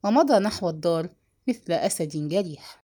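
Expressive woman narrating a novel. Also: fairly low pitch, fairly quick. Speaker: audiobook narrator.

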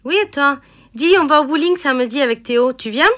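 A woman's voice: high-pitched, a little fast, fairly bright tone. A woman voicing a friendly young woman phoning a friend to invite her out, in a recorded course dialogue.

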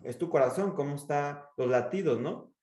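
A man with a Mexican accent coaches his listener with lively examples, pushing his voice up and down to show emphasis. His voice sits a bit high. The sound carries a noticeable room echo. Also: moderate pace. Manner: expressive, demonstrates pitch and emphasis. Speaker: speaking coach. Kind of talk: coaching in a podcast interview.

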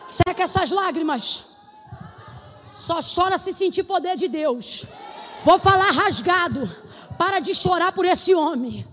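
High-pitched woman preaching in a reverberant hall. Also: lively intonation, a little slow. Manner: shouted prophetic declarations, then conversational. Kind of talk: sermon.

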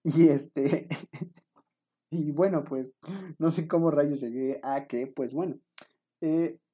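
A man's voice: fairly high pitch, fairly even intonation, takes it slowly, warm tone. A young man with a Mexican accent telling a rambling, self-mocking story to his viewers, full of fillers. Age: young adult. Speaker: vlogger.

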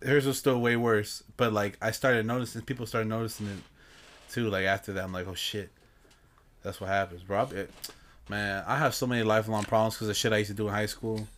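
A man's voice: lowish voice, fairly even intonation, fast, fairly bright tone. A man hosting a podcast in casual chat, with a slight lisp, telling loose, profane, joking stories. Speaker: podcast host.

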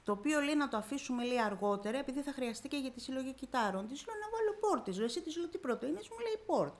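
Her voice is high and animated: a radio interview guest reliving her own emotional story, acting out each line of dialogue with repeated "I say, she says."

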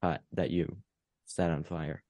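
A man's voice: low voice, flat delivery, measured pace, darkish tone, dry recording, studio quality. A man hosting an interview show, asking questions in an easygoing, curious way. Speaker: podcast host, interviewer.

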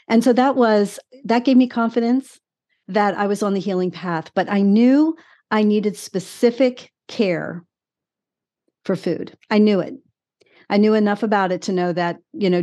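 A woman in her sixties with a medium-pitched voice shares her personal story in an interview. She is candid and emphatic, repeating short phrases to drive points home, in a conversational way. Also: a little mellow. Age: 60s. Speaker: interview guest.

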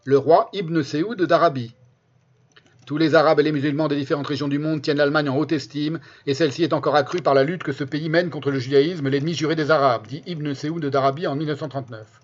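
A man with a somewhat high-pitched voice reads quotations aloud as a commentator. He stresses key phrases by repeating them and slips into spoken asides. The sound is dull and lo-fi. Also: steady tone, brisk. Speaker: commentator presenting a history book.

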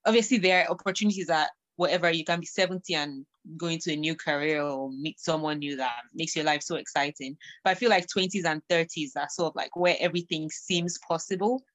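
A young adult woman co-hosting a casual podcast chat, speaking in a relaxed, slangy way. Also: deep voice, a little fast, few pauses, no room sound. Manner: laid-back, slangy, laughing easily.

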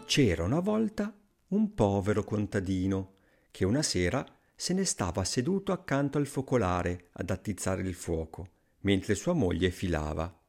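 Brief: male fairy-tale narrator, expressive and lilting, gravelly tone. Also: sits low, moderate pace, soft background music. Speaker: storyteller.

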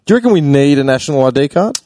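A man's voice: on the high side, animated, racing, dark tone, no echo, studio quality. An Australian man hosting a casual chat, joking and swearing freely. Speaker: podcast host.

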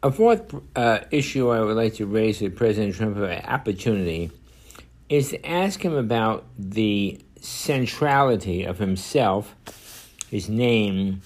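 A man's voice: lowish voice, lively intonation, unhurried. A man, hosting a solo podcast in a rambling monologue full of fillers and restarts. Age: 70s. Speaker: podcast host.

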